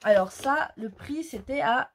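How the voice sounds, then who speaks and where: Slow, hesitant woman showing crafts. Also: high-pitched, expressive, slight background noise. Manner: slow, hesitant, many fillers. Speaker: crafting vlogger. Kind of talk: casual haul show-and-tell.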